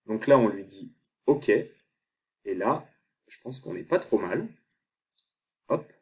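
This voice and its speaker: A man explaining a software tutorial step by step, thinking aloud as he clicks through screens. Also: fairly low pitch, animated, slow. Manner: thinks aloud while clicking, many fillers. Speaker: online tutor.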